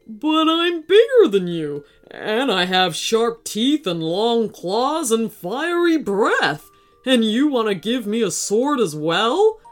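A woman's voice: fairly high pitch, big pitch swings, slow, soft background music. A woman voicing a big, boastful male dragon who bellows threats. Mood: indignant. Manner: loud, blustering threats.

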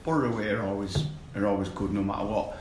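A man with a croaky voice, a guest on a casual football podcast, talking haltingly with many repeated words. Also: lowish voice, noisy background. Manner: hesitant, repeats words, flat delivery. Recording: echoey room with faint ambience.

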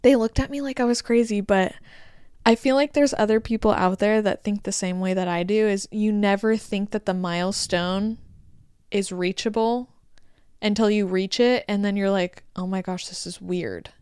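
Smooth-voiced woman in her twenties, chatty. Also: medium pitch, normal speed, dry recording, clean studio sound. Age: 20s. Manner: chatty, rambling, quotes herself in lively asides. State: heavily pregnant. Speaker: podcast co-host. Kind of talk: casual chat.

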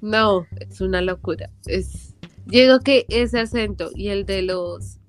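A woman's voice: medium pitch, measured pace, faint music behind. Chatty young woman who laughs easily. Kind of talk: casual conversational chat.

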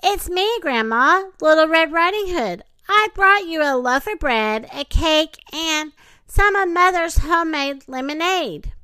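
An innocent little storybook girl, played by a woman. She speaks in a high, bright voice, politely and trustingly, with chirpy naivety. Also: expressive, a little slow, heavily acted. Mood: eager.

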